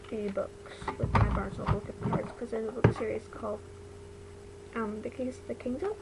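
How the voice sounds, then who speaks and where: A young woman with a fairly high voice chats casually in a bedroom vlog. Her words are slightly impeded by the retainer in her mouth, and she rambles informally. The webcam recording has clear background noise. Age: young adult. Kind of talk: casual vlog chat to camera. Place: bedroom at home.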